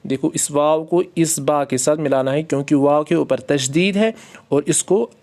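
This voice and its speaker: A man teaching Quran reading, spelling each word out slowly letter by letter and stopping to explain the rules, asking questions and answering them himself. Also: a little high, a little mellow. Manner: slow drawn-out spelling with quick explanations in between.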